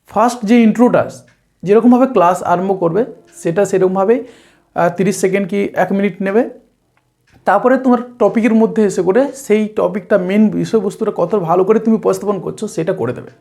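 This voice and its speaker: A woman with a West Bengal Bengali accent coaching viewers on interviews, pausing often with "uh" fillers and restarts and mixing in English terms. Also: mid-range voice, mellow. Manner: hesitant, frequent "uh" fillers and restarts; mixes English terms into speech. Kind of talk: spoken tips lesson to camera.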